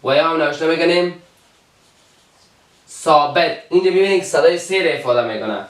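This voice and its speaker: Man, Afghan Dari accent, fairly high voice, teaching letter sounds, repeats words, roomy distant recording. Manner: slow, repeats each example word. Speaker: English teacher. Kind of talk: alphabet pronunciation lesson.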